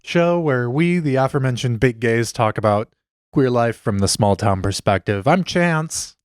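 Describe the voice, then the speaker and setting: A man's voice: mid-range voice, expressive, normal speed, smooth, no echo. A man co-hosting a podcast, chatting casually in a dry, joking way. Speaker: podcast co-host. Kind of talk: casual chat.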